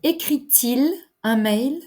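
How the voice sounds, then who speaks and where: A woman teaching a French lesson, enunciating each phrase slowly and carefully. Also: high voice, a little mellow. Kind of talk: slow, clear language lesson.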